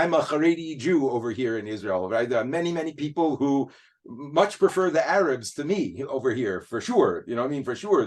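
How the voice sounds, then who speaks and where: A man with a mid-range, darkish voice talks as an interview guest, casual and earnest. He hesitates a lot, filling gaps and frequently stopping to restart his sentences.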